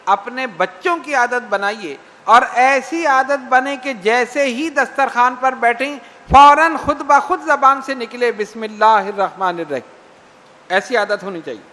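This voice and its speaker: A man preaching a sermon in a slow, emphatic way, reciting hadith. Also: very high voice, bright, forceful tone, big-room sound. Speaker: Islamic preacher.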